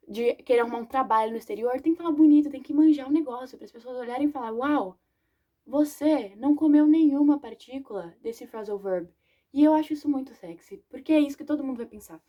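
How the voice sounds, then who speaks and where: A young woman giving a casual video lesson on English, chatty and slangy, correcting herself and reading example sentences slowly. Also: fairly high pitch, dark tone. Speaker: English teacher.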